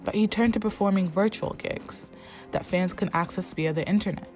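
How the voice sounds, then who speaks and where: A woman reporter reading a scripted news voice-over in a steady, even way. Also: medium pitch, moderate pace, faint music behind.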